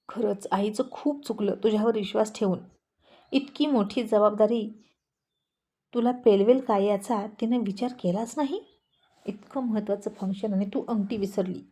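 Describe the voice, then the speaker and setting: Woman storyteller doing curt young boss, scolding, mellow tone. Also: medium pitch, normal speed, close to an everyday voice. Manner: scolding, exasperated. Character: stern young male boss, easily irritated.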